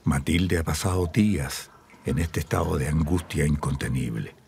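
A man narrating a television drama in a grave, measured tone, with a Chilean accent. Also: very deep voice, gravelly, a little mellow, a little hiss or hum. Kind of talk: scripted documentary-drama narration.

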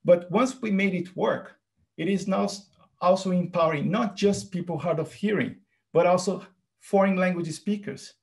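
A middle-aged presenter whose first language is Portuguese gives an earnest tech talk, eager to teach. His voice is fairly high and gravelly, and he explains step by step, pausing on fillers.

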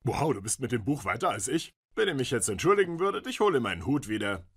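A man voicing a fat, crude, childish middle-aged cartoon father, husky, brash and goofy. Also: mid-range voice, big pitch swings, fast, very noisy.

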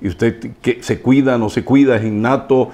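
A man's voice: mid-range voice, steady tone, normal speed, warm tone. A man hosting an interview, asking chatty, rambling questions. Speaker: interview host.

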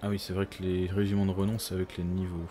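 Male gamer, lowish pitch, casual strategy commentary muttered while thinking aloud, slight noise behind. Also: little pitch movement, fast talker. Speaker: gaming streamer.

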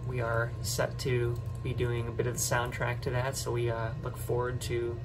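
A man's voice: medium pitch, completely flat delivery, moderate pace, background noise. A man from a band casually announcing upcoming releases to viewers, talking loosely with many fillers. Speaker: band member, video host.

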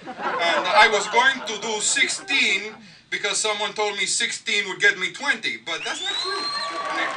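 A man voicing a brash, self-mocking parrot puppet who hosts a late-night talk show, delivering punchy monologue jokes like a showman. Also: high voice. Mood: wry, joking. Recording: distant mic, loud music and crowd. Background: loud music and audience noise.

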